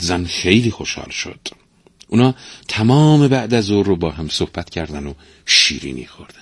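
A man reading a story aloud in an expressive storytelling manner. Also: low voice, breathy edge, dry recording, studio quality. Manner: expressive reader, many character voices. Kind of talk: storybook narration.

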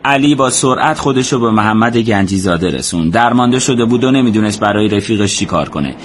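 A man narrating a war story as scripted audiobook narration, in a steady, measured way. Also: fairly low pitch, a little hiss or hum.

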